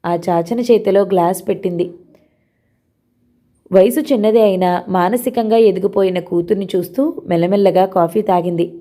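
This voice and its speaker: A woman narrating a novel in a steady, unhurried reading voice. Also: mid-range voice.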